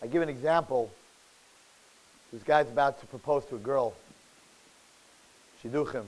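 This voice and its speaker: A man from New York, a rabbi giving an animated sermon, telling stories and swinging between loud outbursts and hushed asides. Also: medium pitch, normal speed, rough recording. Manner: expressive, acts out characters' words.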